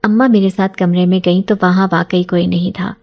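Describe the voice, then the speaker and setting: A woman narrating a first-person horror story in a steady, earnest storytelling way, as scripted narration. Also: lowish voice, gravelly.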